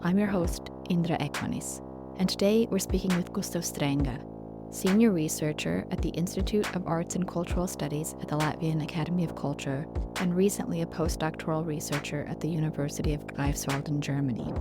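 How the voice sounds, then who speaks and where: A woman's voice: low voice, steady tone, fairly quick, music in the background. A woman hosting a podcast interview, introducing her guest and asking questions in an encouraging way. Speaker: podcast host.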